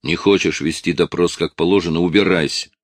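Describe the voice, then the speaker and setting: A man voicing a steady male police detective who questions firmly and calmly. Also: deep voice, brisk, no echo, studio quality. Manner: firm, calm questioning.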